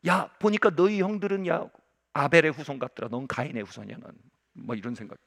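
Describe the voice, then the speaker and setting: A pastor in his forties preaching a sermon, telling a story dramatically, swinging from loud outbursts to hushed asides and crying out in prayer. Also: on the high side, brisk, creaky. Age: 40s. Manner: acts out quoted voices and cries out in prayer.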